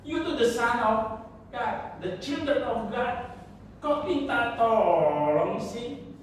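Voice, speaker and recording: Male pastor, sermon delivery, high voice, slips into English, acts out quoted voices; church hall echo, distant mic. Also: expressive, slow, slight background noise. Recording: echoey church hall, mic heard from afar.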